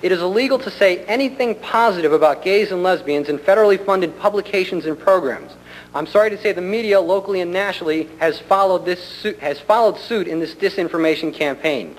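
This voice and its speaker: Higher-pitched man giving an earnest formal speech. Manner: earnest, deliberate, polite. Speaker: community center director addressing a county commission. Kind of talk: formal prepared public speech. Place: public government meeting room. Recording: noisy hum, 1990 public meeting recording.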